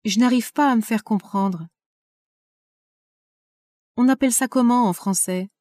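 A woman reading out phrasebook sentences slowly and carefully, like a language teacher. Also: fairly high pitch, darkish tone, no echo.

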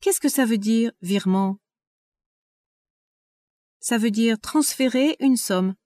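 A woman reading out phrasebook sentences slowly and carefully, like a language teacher. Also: on the high side, dark tone, dry recording.

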